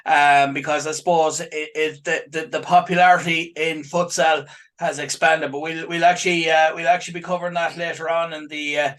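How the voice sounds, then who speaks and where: Man hosting radio sport, higher voice. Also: level tone, a little fast, a bit bright. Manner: rambling, stumbling repeats. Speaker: sports radio host and physio. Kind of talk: radio interview.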